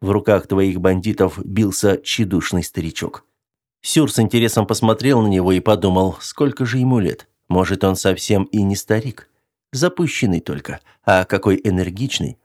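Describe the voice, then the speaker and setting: Low-voiced male audiobook narrator. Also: moderate pace, a little mellow. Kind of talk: scripted narration.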